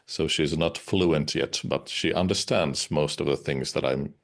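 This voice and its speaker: An interviewed musician, a man whose first language is Finnish, speaks English in a casual interview. His voice is extremely low and unhurried, and he is hesitant, with many uhs and restarts.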